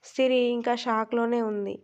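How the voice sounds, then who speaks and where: A woman's voice: on the high side, steady tone, normal speed. A woman reading a romantic story aloud, doing the dialogue in her own voice. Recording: dull lo-fi recording.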